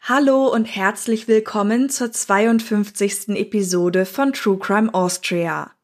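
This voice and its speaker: A woman podcast host presents in a prepared, scripted way. Her voice sits at a middle pitch for a woman. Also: fairly even intonation, a little slow, a little mellow.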